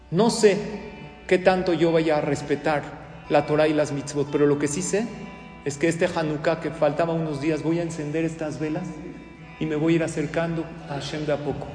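A man telling a story as a sermon, acting out the characters' dialogue with lively emphasis. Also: fairly high pitch. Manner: animated storyteller, acts out dialogue. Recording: echoey hall with soft guitar music.

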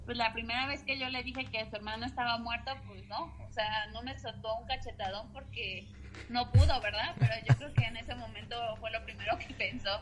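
A woman's voice: on the high side, fairly even intonation, brisk, slight background noise, poor audio. A woman, a guest telling a personal story in a chatty way, full of fillers and tag questions. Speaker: guest medium. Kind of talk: casual storytelling.

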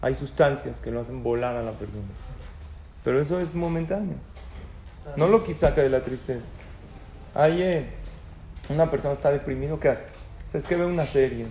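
A man's voice: mid-range voice, fairly quick, pauses often, dark tone, slight background noise. Man lecturing in an echoey room. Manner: storytelling, asks the audience questions. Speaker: rabbi lecturer. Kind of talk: religious talk to an audience. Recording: echoey room with faint ambience.

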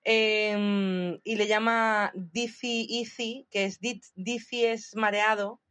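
A woman's voice: mid-range voice, steady tone, slow pace, a bit bright. Chatty woman recapping a show. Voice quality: chatty, laughs often, retells scenes animatedly. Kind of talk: casual podcast chat recapping a series.

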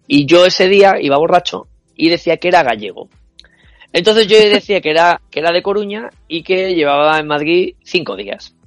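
Young man, comic anecdote, animated, swearing, slightly high voice, dry close sound. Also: dry recording. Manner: animated, swears freely, acts out other people's lines. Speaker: storyteller on a New Year's Eve show. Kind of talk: comic anecdote told to friends.

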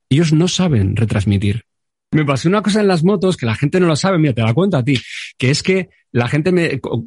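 A man chats as a guest in an interview, swinging his voice up high when he gets excited and dropping low again. He talks quickly with many restarts. The sound is dry and close. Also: no echo. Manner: animated storyteller, many restarts. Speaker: sports commentator, guest. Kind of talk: casual interview talk.

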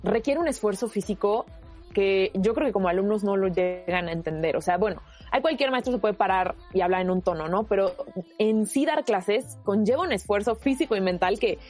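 A woman teacher with a Mexican Spanish accent, talking casually and loudly about teaching online. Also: medium pitch, fairly quick, soft background music. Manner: loud, animated speaker who gestures a lot. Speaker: university teacher.

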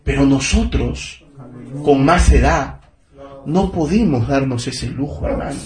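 A man's voice: mid-range voice, lively intonation, measured pace, a little mellow. A man in his thirties preaching a sermon, emphatic and constantly calling his listeners brother and checking that they follow him. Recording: echoey room.

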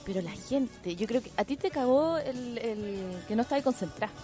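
A woman with a Chilean accent, co-hosting a casual chat and teasing her partner with quick asides. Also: a little high, expressive, dark tone, faint music behind. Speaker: co-host.

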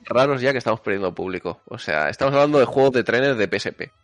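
A man's voice: medium pitch, expressive, fast, no room sound. A man chatting casually as a podcast panelist. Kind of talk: casual chat.

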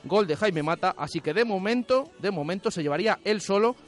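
Emphatic Spanish sports radio man, highish voice. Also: lively intonation, a little fast. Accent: Spain. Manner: emphatic, repeats phrases for emphasis. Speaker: co-host of a local sports radio show. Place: radio studio. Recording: music bed behind.

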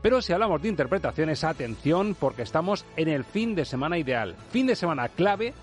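A male radio host from the Spanish airwaves, with an accent from Spain and a fairly high voice. He announces like a ringmaster, grand and showy, in polished scripted phrases over a light music bed. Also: sing-song, brisk. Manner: ringmaster-like grand announcing, addressing ladies and gentlemen. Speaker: radio film show host.

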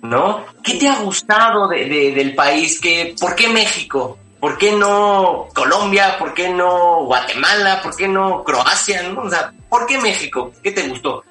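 A man's voice: high voice, lively intonation, unhurried, few pauses, bright, forceful tone. A male host asking playful, enthusiastic interview questions. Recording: echoey room, mic at a distance, music behind.

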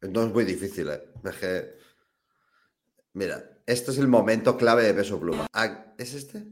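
Male host, lively swooping pitch, crude jokes, casual banter. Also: measured pace. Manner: joking, crude, animated. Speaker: podcast host. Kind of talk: casual chat.

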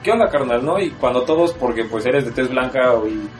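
A man's voice: mid-range voice, moderate pace, soft background music. A young man with a Mexico City accent, chatting casually and at length as a podcast host, laughing often. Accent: Mexico City Spanish. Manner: relaxed, rambling, laughs often. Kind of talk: casual chat.

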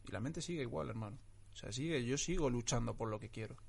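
A man with a slightly husky voice speaks in a casual interview. He talks earnestly about his acting work and often trips over and restarts his words. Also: mid-range voice, fast talker. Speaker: actor, guest.

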